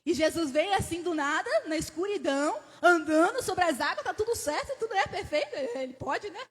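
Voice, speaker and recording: A woman with a Brazilian Portuguese accent preaching a sermon in a church, telling the story with animated rises and questions to the congregation. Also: very high voice, brisk. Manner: laughs between phrases. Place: church sanctuary. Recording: church hall with long reverb.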